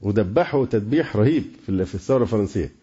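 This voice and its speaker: Egyptian man giving a fast, hesitant religious lecture. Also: fairly low pitch, expressive, warm tone, slightly rough. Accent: Egyptian Arabic. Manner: colloquial, many repeated hesitations. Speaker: preacher. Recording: dull lo-fi lecture recording.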